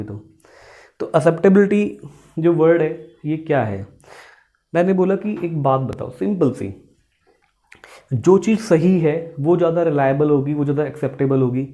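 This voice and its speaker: Dark-voiced accounts teacher, repetitive. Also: male voice, a little high. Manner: explains by asking questions and repeating points, calls students "beta"; mixes Hindi with English terms. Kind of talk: classroom lecture.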